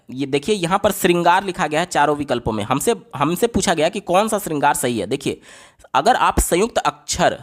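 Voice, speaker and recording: A man explaining exam questions step by step as a teacher, often asking a question aloud and then answering it himself. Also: sits high. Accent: Hindi. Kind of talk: explaining lesson on screen.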